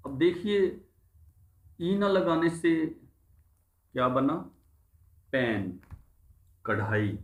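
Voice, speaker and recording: A man gives a pronunciation lesson for English in Hindi, spelling each word letter by letter before explaining its meaning. His slightly high voice is very animated yet extremely slow, with long pauses and a reverberant sound.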